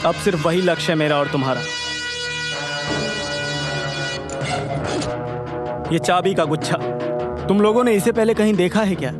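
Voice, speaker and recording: A man's voice: sits high, quick pace, over loud music, close to an everyday voice. A man playing a stern, commanding police officer in a Hindi film dub, who intimidates a suspect. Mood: thoughtful. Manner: firm, intimidating, methodical. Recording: film soundtrack with loud score.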